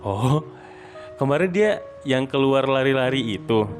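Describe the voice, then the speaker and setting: Man doing a gentle teen older-brother type. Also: mid-range voice, animated, unhurried, soft background music, lightly acted. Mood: friendly. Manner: friendly, easygoing. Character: kind gentle older schoolboy crush, male.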